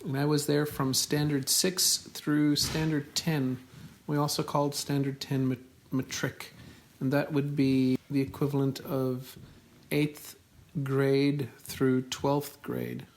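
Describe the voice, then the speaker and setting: Slow-spoken South African man. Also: medium pitch, level tone, a little hiss or hum. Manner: slow, careful, spells words out. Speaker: podcast host being interviewed by his daughter. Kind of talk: casual interview answers.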